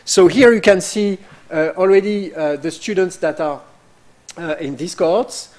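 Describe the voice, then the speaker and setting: Guy presenting a phd program in english, kinda high voice, lots of uh and restarts. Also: a little mellow. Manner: halting, frequent fillers and restarts. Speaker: program director. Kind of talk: information session presentation.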